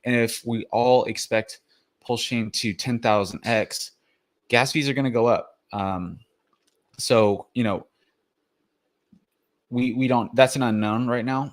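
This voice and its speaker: A man's voice: mid-range voice, fairly even intonation, measured pace. A man hosting a crypto explainer, talking casually with many fillers and restarts, a little out of breath after the gym. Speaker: crypto video host.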